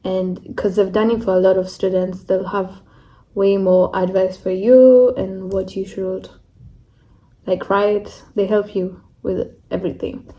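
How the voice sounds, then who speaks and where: A woman's voice: mid-range voice, fairly even intonation, measured pace, mellow, rough recording. A young woman from Kenya, talking candidly in a casual vlog, with lots of "like" and "you know". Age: young adult. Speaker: international student vlogger.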